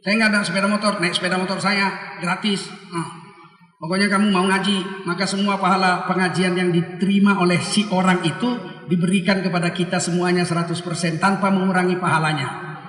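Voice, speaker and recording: Man preaching, high bright voice, animated, acts out dialogues, roomy far-off sound. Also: brisk. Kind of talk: sermon. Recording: echoey hall, from far off.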